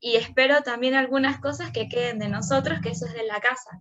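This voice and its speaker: A young Venezuelan woman with an Andean lilt tells her story in a high, lively voice, jumping up in pitch whenever she acts out her own words or her child's. The recording is muffled and lo-fi. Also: quick pace. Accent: Venezuelan Andean Spanish. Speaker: interviewee, immigrant mother. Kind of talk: emotional personal storytelling.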